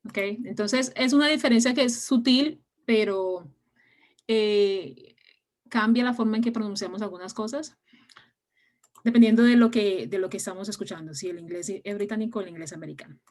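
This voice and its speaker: A woman's voice: medium pitch, moderate pace, a little mellow. Woman teaching an English class online. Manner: explains patiently, mixing Spanish with English words. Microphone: laptop mic on a video call.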